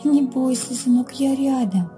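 A woman voicing a calm, protective father bear in a children's storybook reading, speaking in a soothing, reassuring way. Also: high-pitched, unhurried, soft background music, pitched above the performer's own voice.

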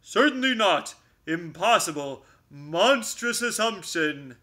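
A man voicing a gruff, pompous male bear in a children's storybook reading, booming and stern. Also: expressive, takes it slowly, sharp tone, exaggerated voice.

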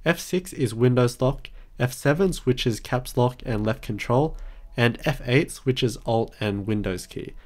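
A man's voice: medium pitch, a little slow, darkish tone. A man giving a scripted tech review narration in a matter-of-fact, explanatory way. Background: background music.

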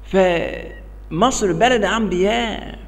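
American man, broken English-accented Arabic, echoey room. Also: sits high. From United States. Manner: halting broken Arabic with English accent, repeats check-in questions; earnest, emphatic. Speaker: religious speaker. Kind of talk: informal religious talk to camera. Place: small bare indoor room.

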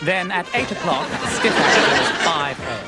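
A man's voice: sits high, lively intonation, unhurried, loud music behind the voice, over a noisy crowd, low-quality recording. A man playing a jaunty TV continuity announcer in a comedy, giving mock announcer narration. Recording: old TV broadcast, loud audience and noise.

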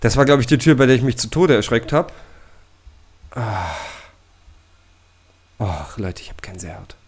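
A man's voice: mid-range voice, expressive, unhurried, breathy edge. A man commenting on a horror game he plays, jittery and talking to his viewers with frequent scared gasps. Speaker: let's play gamer.

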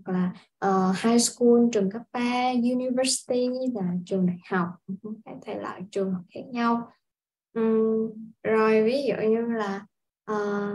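In this low-quality recording, an English teacher from Vietnam leads an easygoing language lesson. She's on the high side and slightly mellow, explaining things one step at a time without rushing, her speech dotted with frequent fillers.

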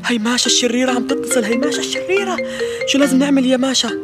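Excitable high-voiced male skit host. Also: very fast, loud music behind the voice. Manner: excitable, dramatic, talks to viewers. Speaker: youtube host. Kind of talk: kids' comedy skit.

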